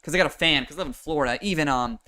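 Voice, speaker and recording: A young man with a nasal voice rambles through profane livestream commentary on a football game, full of fillers and restarts. He talks very fast, high-pitched, pushed and bright, from a home room with a fan, using a desk microphone with noise suppression.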